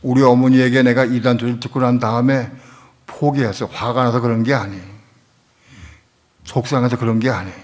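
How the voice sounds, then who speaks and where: A middle-aged male pastor delivers a sermon as a heartfelt personal story. He drops to a near hush, then builds to loud, emphatic repetition. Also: medium pitch, fairly even intonation, fairly quick, pauses often. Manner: emotional storytelling, swings from hushed to loud.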